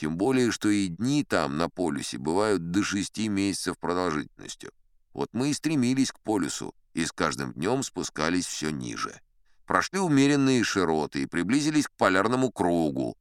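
An actor playing a pompous old sea captain, telling tall tales in a theatrical audiobook style with chatty asides. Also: male voice, low voice, sing-song, normal speed, smooth, no room sound, clean studio sound. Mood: pompous, wry. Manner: pompous, conversational asides to a young listener. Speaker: audiobook performer narrating as a character. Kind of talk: theatrical first-person storytelling from an adventure audiobook.

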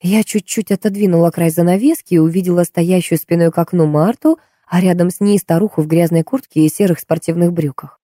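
Warm-voiced woman reading an audiobook. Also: on the low side, steady tone, a little fast, hardly any pauses, no echo, clean studio sound. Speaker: audiobook reader. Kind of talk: first-person audiobook narration.

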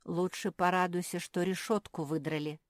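A woman voicing a tiny, gloomy female jerboa in a storybook, with a squeaky, sulky voice. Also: steady tone, normal speed, no room sound, studio quality, close to an everyday voice. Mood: glum.

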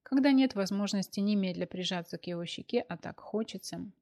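A woman narrating an audiobook in a lively, expressive storytelling manner. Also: mid-range voice, brisk.

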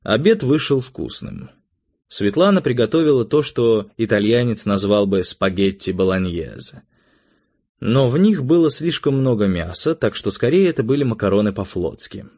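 Husky, lively male audiobook narrator. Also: on the low side, moderate pace. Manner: expressive, ironic first-person reading.

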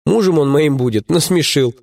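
A man's voice: on the high side, moderate pace, creaky, darkish tone, no echo, studio quality, voice pushed up. A man voicing a fierce, cocky young woman warrior, spirited and scornful.

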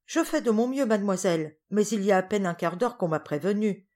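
A woman's voice: medium pitch, expressive, fairly quick, a little mellow, lightly acted. A woman voicing a put-upon male coachman who grumbles and defends himself. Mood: grumbling.

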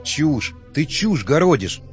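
A man voicing a distraught, desperate young man in an audiobook, pleading and shouting. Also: fairly high pitch, very animated, slow, soft background music. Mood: desperate angry. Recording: dull lo-fi sound.

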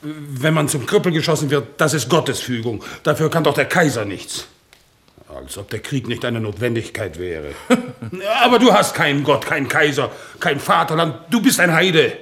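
A crippled veteran on crutches speaks with earnest, dutiful zeal. His voice sits in a middle pitch and swings widely, climbing when he gets excited. He sounds like a figure from an old-style radio play. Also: measured pace. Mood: zealous. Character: crippled, devout, obedient war veteran on crutches. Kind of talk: 1960s radio drama acting.

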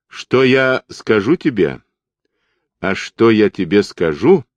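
A man voicing a cocky curly-haired young male partisan who mumbles gossip in a quick patter, in an audiobook. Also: very animated, dry recording, highs cut off. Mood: sly gossiping. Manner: mumbling patter, rising to shrill shouts.

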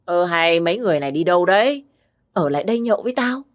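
A woman's voice: on the low side, animated, fast talker, close to an everyday voice. A woman voicing a drunk, abusive older brother who talks in a slurred drawl. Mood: drunk bragging.

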